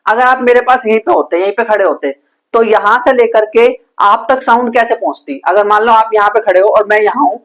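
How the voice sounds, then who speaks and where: A man's voice: sits high, brisk, fairly bright tone. Playful man teaching science. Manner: playful, uses sound effects and mini role-plays. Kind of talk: casual classroom explanation.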